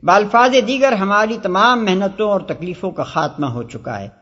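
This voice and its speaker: Man reading commentary, measured and formal. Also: high-pitched, fairly bright tone. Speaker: commentary reader. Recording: dull, long reverb.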